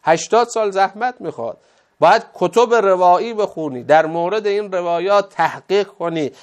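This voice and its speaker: A man giving a religious lecture, explaining at length and quoting Arabic scripture in a slow, measured recitation. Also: sits high. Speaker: cleric.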